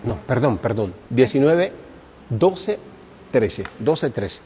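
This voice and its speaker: A man's voice: medium pitch, big pitch swings, takes it slowly, mellow, big-room sound, a little hiss or hum. A man who is a priest, giving a catechesis sermon at a retreat in a conversational, joking way and putting questions to the congregation. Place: parish church.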